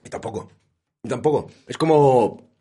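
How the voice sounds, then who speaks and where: Self-mocking male co-host with a breathy voice, rambling in casual talk. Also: mid-range voice, normal speed, dark tone. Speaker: podcast co-host. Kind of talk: casual chat.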